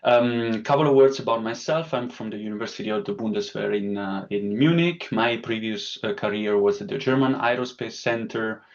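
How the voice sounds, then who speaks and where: A man's voice: lowish voice, normal speed, hardly any pauses. A man from Italy with an Italian accent, giving a technical online lecture in a careful, explanatory way with frequent fillers. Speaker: webinar speaker. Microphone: video call. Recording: dull lo-fi call audio.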